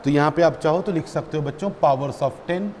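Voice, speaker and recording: Male teacher, high pitch, repeats to drill students, reverberant classroom, faint noise. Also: normal speed, darkish tone. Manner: addresses students as "beta", repeats terms for drilling. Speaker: physics teacher. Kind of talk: classroom lecture.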